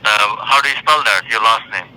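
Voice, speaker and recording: A man's voice: on the low side, a little fast, pushed and bright. A man working as a telemarketer, asking screening questions over a telephone call. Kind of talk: phone sales screening questions. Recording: telephone call with faint noise.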